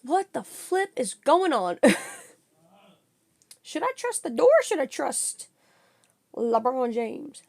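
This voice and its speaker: A young woman streaming a reaction video, chatting casually in an excitable, slangy way while snacking. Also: sits high, takes it slowly, pauses often.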